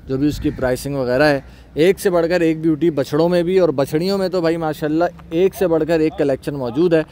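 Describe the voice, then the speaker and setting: पशु फार्म पर ऊँची आवाज़ वाला आदमी. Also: male voice, on the high side, dark tone, slight background noise. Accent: Karachi Urdu. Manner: keeps saying mashallah, calls out orders to handlers. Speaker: cattle market vlogger. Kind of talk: off-camera commentary showing livestock. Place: outdoor cattle farm yard.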